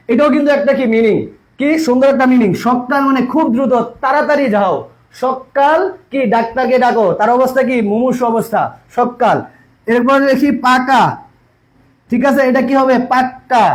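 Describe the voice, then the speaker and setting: A man's voice: very high-pitched, low-quality recording. A male teacher giving an online exam-prep lesson, repeating points and asking his students rhetorical questions.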